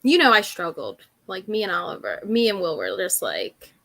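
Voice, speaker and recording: A woman's voice: on the low side, wildly swooping pitch, moderate pace, gravelly, fairly bright tone, no echo. A woman co-hosting a casual podcast as a mother of two, chatty and laughing between phrases. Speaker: podcast co-host. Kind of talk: casual chat.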